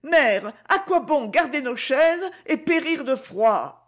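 A woman's voice: high voice, animated, slow pace, voice pushed up. A woman reading aloud, voicing a frightened, freezing young girl who pleads through tears. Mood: plaintive. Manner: pleading, tearful, sobbing.

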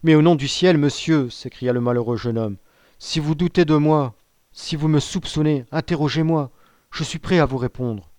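A man's voice: mid-range voice, brisk, darkish tone, no echo, pitched above the performer's own voice, natural voice. A man voicing an eager young sailor, pleading. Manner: eager, earnest and protesting. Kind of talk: audiobook character voice.

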